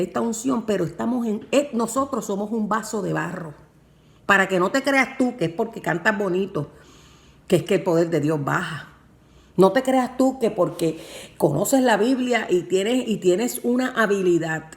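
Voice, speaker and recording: A woman's voice: mid-range voice, lively intonation, normal speed, vocal fry. A woman preaching a sermon and telling her own testimony, with emphatic repeated phrases and fervent delivery. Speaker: preacher and worship singer.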